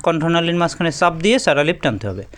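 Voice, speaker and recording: A man teaching Arabic letter pronunciation, explaining in Bengali and repeating each letter name slowly with drawn-out vowels. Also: a little high, very animated, fairly bright tone. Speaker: Quran recitation teacher.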